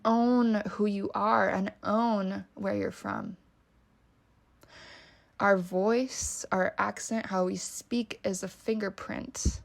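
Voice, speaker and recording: Valley girl podcast host lady, lots of fry, casual and emphatic, swears a bunch, says like constantly. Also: mid-range voice, steady tone, takes it slowly. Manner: casual, emphatic, swears freely, many "like" fillers. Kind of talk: solo podcast monologue.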